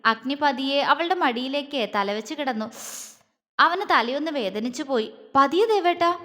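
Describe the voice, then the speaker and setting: High-voiced woman reading a romance story. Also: moderate pace, bright, forceful tone, big-room sound.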